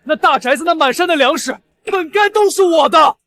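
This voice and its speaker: A man's voice: very high-pitched, fast, sharp tone. A man playing a sneering young failed scholar. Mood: resentful. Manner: resentful, sneering. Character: bitter scheming young male failed scholar.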